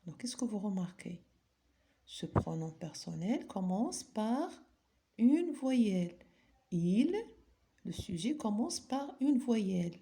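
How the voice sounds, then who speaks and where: A woman's voice: mid-range voice, big pitch swings, takes it slowly, vocal fry, warm tone. A woman teaching a grammar lesson, patiently asking her pupils questions and then answering them herself. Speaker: French teacher.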